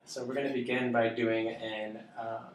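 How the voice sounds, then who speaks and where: A man playing a calm clinician who explains a procedure to a patient haltingly, stumbling over technical terms. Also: mid-range voice, a little hiss or hum, natural voice. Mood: calm, explanatory. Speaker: clinician in a student case-study skit. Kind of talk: halting explanatory role-play. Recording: echoey room, distant mic.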